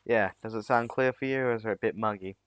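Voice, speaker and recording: Streaming live on a new USB mic with no echo, a South Australian teen boy rambles to his viewers in a self-deprecating way, starting over again and again. He talks fast in a lowish voice that's clear and resonant.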